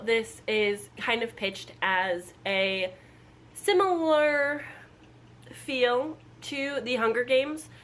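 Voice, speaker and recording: A book vlogger announces a readalong from her home, talking to camera in a fairly high, fairly bright voice. She's informal and rambling, full of asides, with room noise and a household appliance audible behind her.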